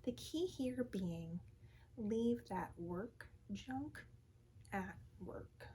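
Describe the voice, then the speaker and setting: Woman, calm therapist manner, ASMR role-play, unhurried, soft breathy mellow tone, gently coaching. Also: medium pitch, a little hiss or hum. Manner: reassuring, gently coaching with short repeated phrases.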